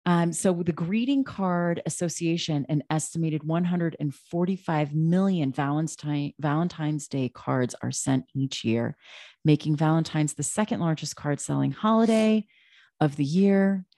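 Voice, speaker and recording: Casual female podcast co-host; low, mellow voice, emphatic and rambling. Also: unhurried, dry recording, studio quality. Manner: chatty, emphatic, many restarts and asides.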